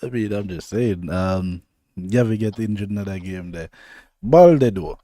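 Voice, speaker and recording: A young man with a Jamaican accent, co-hosting a podcast, chats casually about football in a lowish, mellow voice. His intonation is lively and his speed normal, and he rambles in a laid-back way with loose patois phrasing.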